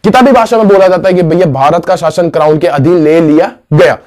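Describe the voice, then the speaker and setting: Casual history teacher, slightly high voice. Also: male voice, brisk, darkish tone. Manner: casual, asks and answers his own questions; calls listeners "bhaiya". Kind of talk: exam-prep history lesson.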